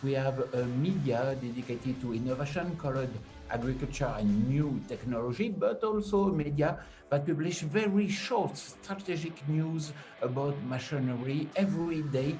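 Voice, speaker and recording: A man from France, head of a press group, speaking in a measured way over a video call. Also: mid-range voice, mellow, faint music behind.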